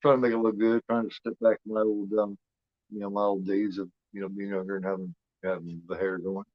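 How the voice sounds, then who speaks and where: A fifty-year-old man talks loosely as he watches along, with lots of restarts, fillers and casual swearing. His voice sits a little low. The audio is dull and muffled, and the sound is dry and close. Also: flat delivery, fairly quick, no echo. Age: 50s. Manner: rambling, repeats himself, frequent fillers and swearing. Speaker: host.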